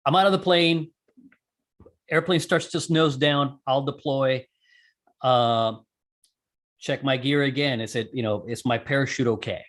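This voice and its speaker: Speaking a little slowly with long pauses, a male interview guest in a steady, medium-pitched voice explains a technical procedure step by step. He's an amateur radio operator and skydiver who keeps it conversational and corrects himself as he goes.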